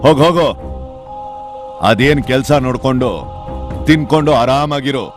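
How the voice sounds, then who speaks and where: A man's voice: mid-range voice, fairly even intonation, normal speed, lightly acted. An actor playing a cold, defiant male convict who taunts those around him in a sneering voice. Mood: mocking. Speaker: condemned criminal. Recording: film dialogue with music underneath.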